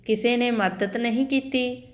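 A woman's voice: on the high side, steady tone, a little slow, echoey room, natural voice. A woman voicing a grown, wealthy son who pleads with his mother in regret. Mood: remorseful. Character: remorseful rich grown son, tearful.

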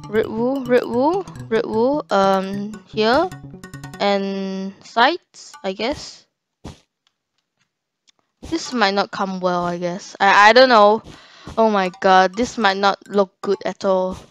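A woman talks through her game in a slow, unhurried delivery. She gets flustered and repeats the same phrases over and over. A faint game soundtrack plays underneath. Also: medium pitch, clear, resonant tone. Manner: flustered, repeats herself when panicking. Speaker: gaming YouTuber. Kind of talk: panicked live gameplay commentary. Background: game music.

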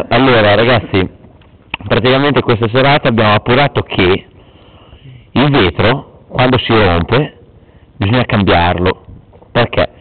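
In a late-night home video, a young man jokingly hosts a mock interview, laughing often and adopting an announcer tone. His voice sits at medium pitch with a measured pace and frequent pauses. It was shot in a room at night, and the tinny lo-fi audio carries loud hiss.

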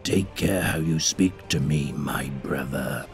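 A man voicing a grim, commanding male warlord in a slow, rasping, menacing way for an audiobook. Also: very deep voice, faint music behind, pitched below the performer's own voice. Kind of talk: audiobook character voice.

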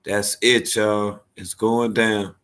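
A man hosting a profane reaction commentary, mocking and laughing loudly. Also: on the low side, level tone, slow, smooth. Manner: mocking, slangy, loud laughter. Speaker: host.

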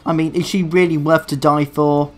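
A man commentating his own gameplay in a dark room, swearing at his failures and making sarcastic, self-mocking asides. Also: on the high side, flat delivery, moderate pace. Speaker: let's play gamer. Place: dark room alone at a computer.

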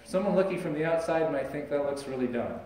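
A man's voice: a little high, quick pace, far from the mic, slight background noise. Middle-aged male pastor preaching in an echoey church. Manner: conversational preaching, animated hand gestures. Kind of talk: sermon. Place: church sanctuary, large indoor room. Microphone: far camera, no visible mic. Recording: echoey church recorded from afar.

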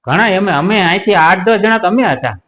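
A man's voice: high-pitched, animated, a little fast, a bit bright, a little hiss or hum. A man telling a rustic village comedy story, chatty and laughing often. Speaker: comic storyteller.

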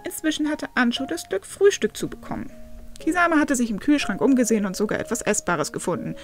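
A woman's voice: on the high side, very animated, brisk, faint music behind. Woman reading a story aloud. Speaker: narrator. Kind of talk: reading fan fiction aloud.

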